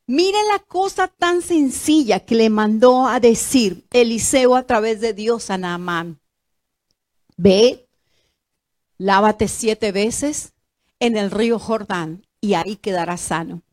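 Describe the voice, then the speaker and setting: A woman preaches a sermon in a somewhat high voice. She is animated, bursting into exclamations and then sinking to quiet, low remarks. She keeps turning to her listeners with direct questions. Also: slow pace. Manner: animated, swings between loud exclamations and soft low asides.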